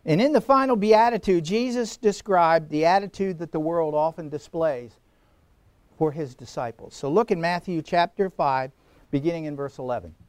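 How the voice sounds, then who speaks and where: Guy preaching from the pulpit, pretty high voice, punchy and repeats stuff for emphasis, dry close sound. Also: no echo. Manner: emphatic preaching, repeats key phrases, slows for stress. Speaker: pastor. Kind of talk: sermon. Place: church sanctuary.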